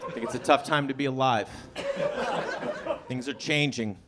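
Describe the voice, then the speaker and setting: A man doing a stand-up comedy set, telling a story with animated delivery and sudden high shouted quotes. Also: normal speed, heavy background noise. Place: comedy show venue with audience.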